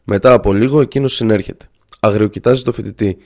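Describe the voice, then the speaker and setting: A man narrating a story aloud in a measured, earnest way. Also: on the low side, darkish tone.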